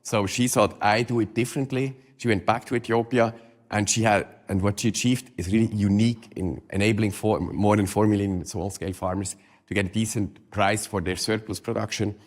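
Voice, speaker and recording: A man, an academic, giving an informal introduction of a speaker in halting English with non-native phrasing. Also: fairly low pitch, fairly even intonation.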